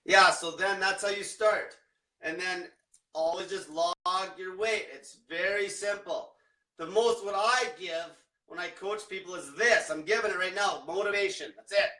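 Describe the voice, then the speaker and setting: A man's voice: high-pitched, normal speed, pushed and bright, reverberant, recorded from a distance. A young man coaching on a livestream, ranting bluntly and swearing constantly. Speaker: diet coach. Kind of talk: livestream rant.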